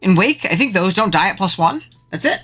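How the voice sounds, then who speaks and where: A streamer giving casual live commentary on a game match, slangy and excitable, with the voice jumping high when thrilled. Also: fairly quick, faint music behind.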